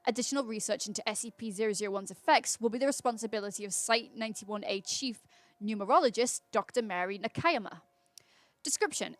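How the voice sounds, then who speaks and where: A woman hosts a casual livestream, reading aloud in an informal, chatty way and replying to chat. Her voice is a little high, and there is no echo.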